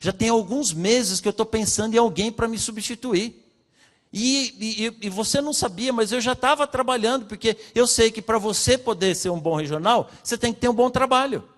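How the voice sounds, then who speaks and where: A man with a Brazilian Portuguese accent and a high voice gives a sermon testimony. He acts out the dialogue with big swings in pitch and loudness. His voice rings with the long reverb of a church hall. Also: moderate pace. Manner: storytelling, acting out dialogue with shifting pitch and loudness. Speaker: pastor.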